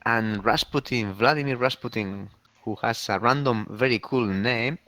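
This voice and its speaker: A man hosting a casual game recap, easygoing and agreeable, pausing often with fillers. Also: mid-range voice, sharp tone, dry recording. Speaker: host. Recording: dry close sound.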